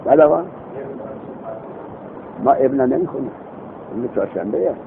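Lively-voiced man teaching grammar. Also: gravelly. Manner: quizzes students and recites examples slowly. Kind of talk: classroom grammar lesson. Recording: tinny phone-like recording with faint vehicle rumble.

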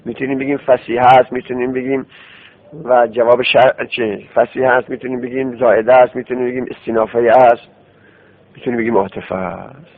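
A male teacher works through Arabic grammar step by step, repeating forms aloud as drills. His voice sits at an ordinary male pitch. The sound is thin and tinny, like an old radio broadcast. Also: steady tone. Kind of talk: classroom grammar lesson. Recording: tinny phone-like radio recording.

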